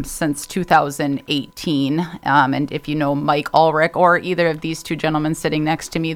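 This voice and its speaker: Low-voiced woman, upbeat guest. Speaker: festival committee member, guest. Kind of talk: casual interview.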